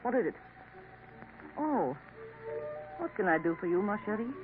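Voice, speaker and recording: In a 1950s radio drama heard through a tinny old broadcast with faint hiss and background music, an actress plays a scheming, worldly Parisian café woman. Her mid-range voice swings widely in pitch at normal speed and sounds natural. Sly and knowing, she coaxes and drops French endearments.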